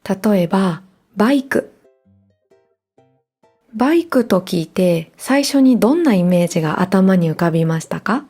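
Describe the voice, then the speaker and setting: Gentle woman hosting a podcast. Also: mid-range voice, expressive, unhurried, soft background music. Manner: clear, gentle explanatory delivery. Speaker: podcast host. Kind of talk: calm scripted podcast teaching Japanese.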